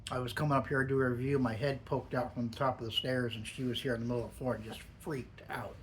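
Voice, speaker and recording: A man's voice: medium pitch, steady tone, quick pace. Man talking with a lip full of dip, noisy recording. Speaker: product reviewer. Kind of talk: casual solo video review. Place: upstairs in a garage.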